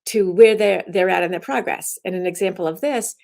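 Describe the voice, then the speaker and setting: A woman's voice: fairly low pitch, brisk, gravelly, a little mellow. A woman instructor giving her daily message as rambling casual talk, often restarting her sentences. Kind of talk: casual self-recorded talk.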